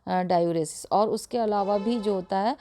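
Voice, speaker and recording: A woman teaching a nursing lesson, explaining slowly with frequent pauses, filler sounds and restated terms. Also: mid-range voice, dark tone, a little hiss or hum. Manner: hesitant, fills pauses with "uh", repeats and restates terms. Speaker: nursing tutor. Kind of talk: explanatory lecture in Hindi mixed with English terms.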